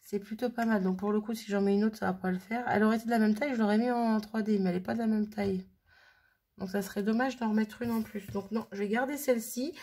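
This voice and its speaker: A woman's voice: medium pitch, steady tone, fast, dark tone, slightly rough. A woman casually thinking aloud as she works on a craft project, chatting and muttering to herself at her worktable. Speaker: crafting vlogger.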